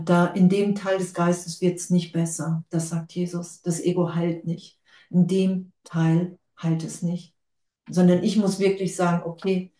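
Woman, spiritual teacher, casual and enthusiastic, low warm voice, echoey room. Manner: enthusiastic, casual, laughs often. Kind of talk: spiritual talk to a group.

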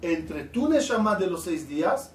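A man's voice: high-pitched, very animated, a little slow. A middle-aged man, a rabbi, teaching a Torah class and quizzing his students with questions as he goes. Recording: echoey room, mic at a distance, faint hiss.

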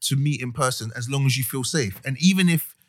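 A man's voice: medium pitch, fairly quick. A man with a London accent and urban roadman slang, hosting a casual podcast debate in an insistent, repetitive way. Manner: insistent, repeats himself. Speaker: podcast host.

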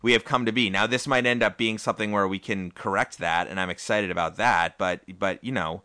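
A man's voice: on the low side, a little fast, bright, forceful tone, dry recording, clean studio sound. A man hosting a podcast, talking frankly and joking, with some profanity. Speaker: podcast host. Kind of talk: casual podcast chat.

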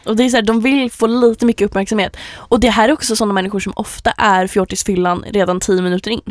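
Young woman, lively storyteller. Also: mid-range voice, no room sound, clean studio sound. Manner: lively storyteller, acts out dialogue. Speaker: podcast co-host. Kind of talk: casual chat.

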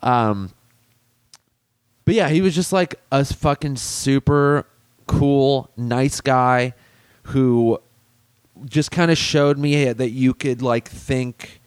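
This man talks in a loose, rambling way, full of "like" and restarts as he recalls things. His voice is smooth and resonant, and the recording is close and dry with no room sound. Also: medium pitch, takes it slowly, pauses often, dry recording. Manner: rambling, filler-heavy storytelling. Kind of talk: casual chat.

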